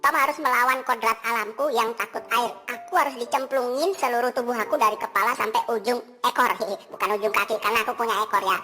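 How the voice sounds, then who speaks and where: A woman plays a cheeky reformed tomcat turned storyteller, chattering in a high, playful, sing-song voice and tossing in silly sound effects. Clear music plays behind the children's sermon. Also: steady tone, fast talker, hardly any pauses, lightly acted. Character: cheeky reformed male cat preacher, playful. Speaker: Sunday school storyteller.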